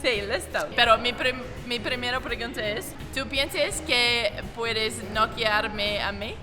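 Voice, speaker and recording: A woman from New Zealand with an English speaker's foreign accent in halting, learner's Spanish, giggly as she hosts a casual vlog interview. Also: on the high side, music in the background. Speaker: interviewer and channel host.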